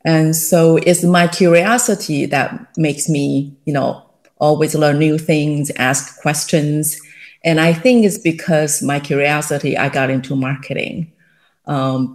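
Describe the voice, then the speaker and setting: Speaking unhurriedly in a low, darkish voice with a steady tone, a Taiwanese-accented woman in middle age shares her story as the founder-guest of a casual interview. Fillers and small laughs pepper her speech.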